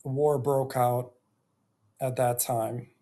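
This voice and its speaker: Thirties male vlogger, unhurried and reflective, mid-pitched voice. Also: little pitch movement, dark tone. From Bosnia and Herzegovina. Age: 30s. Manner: slow and reflective, with many pauses and fillers. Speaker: YouTuber. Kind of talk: personal storytelling vlog.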